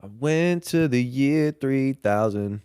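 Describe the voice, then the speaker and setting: Male co-host, deadpan sarcasm, mid pitch, dry close sound. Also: slow pace, clean tone, no echo. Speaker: podcast co-host. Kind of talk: casual chat.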